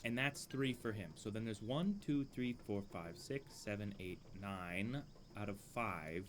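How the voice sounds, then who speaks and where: A man's voice: lowish voice, unhurried, slight background noise. Dryly musing man playing a game. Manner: musing, dryly amused, talks to himself. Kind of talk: casual gameplay commentary. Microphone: desk microphone, leans away at times.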